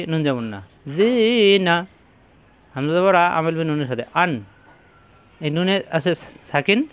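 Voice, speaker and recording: A man teaching Quran recitation, spelling out each syllable slowly and then chanting the verse in long drawn-out tones. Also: on the high side, clear, resonant tone, dry recording. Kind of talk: slow letter-by-letter tajweed lesson.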